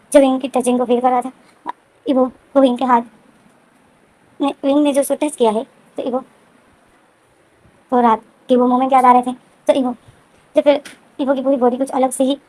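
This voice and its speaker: A woman's voice: sits high, darkish tone, rough recording. A woman casually retelling a story in a repetitive way, with frequent restarts. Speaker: story explainer.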